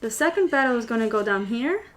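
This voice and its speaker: This Albanian-native paper flower tutor talks fast in an animated, slightly high voice while leading a live-stream craft session. She reads comments and chats along, full of fillers and restarts.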